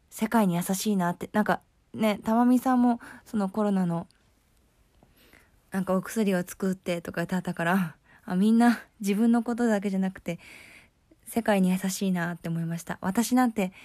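A woman's voice: medium pitch, darkish tone, dry recording, studio quality. Chatty young woman with Kansai accent. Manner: chatty, friendly, laughs easily. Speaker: host. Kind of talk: casual solo talk show.

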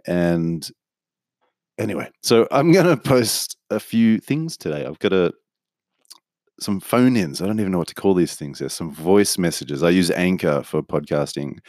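Male podcast host, very low voice, dry close sound, candid rambling monologue. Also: a little mellow, no room sound. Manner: rambling, candid, self-interrupting with restarts. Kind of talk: casual solo podcast monologue.

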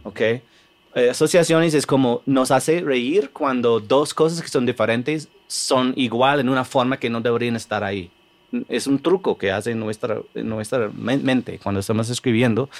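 A man from the United States with an American accent, a comedian guest on a podcast explaining his craft in halting Spanish, slipping in English fillers. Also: medium pitch. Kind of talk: casual podcast conversation.

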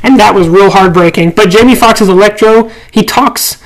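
Podcast co-host, male, high pitch, opinionated, casual and profane. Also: normal speed, low-quality recording. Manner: opinionated, swears freely, laughs often. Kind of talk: casual chat.

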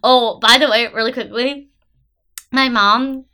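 A woman's voice: on the high side, fairly even intonation, a little slow, pushed and bright. A woman in her twenties co-hosting a podcast, chatting casually with playful jokes and teasing. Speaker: podcast co-host. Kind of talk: casual chat.

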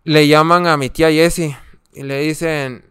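A young Mexican man with a very smooth, resonant voice recalls his experience as an interview guest. He hesitates often and fills pauses while searching for words. The sound is close and dry. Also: on the high side, fairly even intonation, a bit bright, no room sound. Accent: Mexican Spanish. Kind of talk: personal testimony in an interview.

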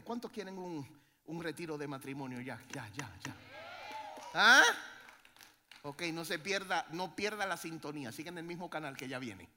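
A man preaching a sermon as pastor, animated and joking with his congregation, sometimes breaking into shouts. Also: sits high. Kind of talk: lively church sermon.

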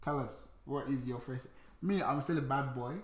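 A man's voice: mid-range voice, moderate pace. A man with a British accent chatting casually as a podcast co-host, slangy and emphatic, often repeating his phrases. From England. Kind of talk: casual banter. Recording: roomy echo, crowd sound.

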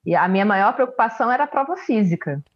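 A woman, a forensic expert and teacher, telling her story in an interview in a casual, animated way with many fillers. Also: medium pitch, fast talker, breathy edge, dry recording, dull audio. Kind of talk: interview answers, personal story.

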